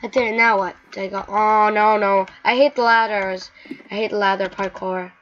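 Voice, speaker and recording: A woman giving live gameplay commentary, excitable and talking to herself, chanting the same words over and over. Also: medium pitch, normal speed. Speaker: gaming channel host. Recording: dull lo-fi mic with faint hiss.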